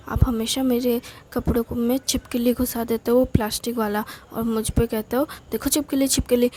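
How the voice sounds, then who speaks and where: A woman's voice: on the high side, mellow, lightly acted. A woman voicing a cheeky, quarrelsome young girl who complains at length. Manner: pouty, complaining.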